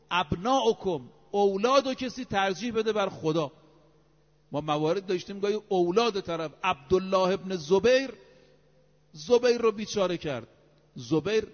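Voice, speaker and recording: A man preaches with emphasis in a notably high voice, reciting scripture and numbering each point. His voice trails off into a long hall reverb. The recording is dull and lo-fi. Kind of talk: sermon.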